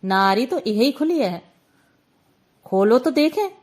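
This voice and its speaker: A woman reading a story voices a quarrelsome older neighbourhood aunt, scolding in a raised, sharp voice. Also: high-pitched, lively intonation, slow, exaggerated voice.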